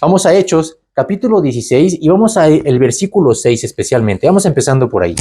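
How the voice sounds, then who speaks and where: A man's voice: fairly high pitch, very animated, fast, warm tone, slightly rough. A man teaching the Bible conversationally, asking rhetorical questions and tagging lines with "¿verdad?". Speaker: preacher.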